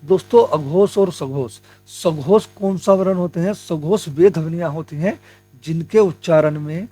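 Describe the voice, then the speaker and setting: A young man with a fairly high voice runs an exam-prep grammar lesson, talking to his viewers as friends. He goes step by step, asks his own questions and answers them. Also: a little slow, dark tone, faint music behind. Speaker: Hindi grammar teacher.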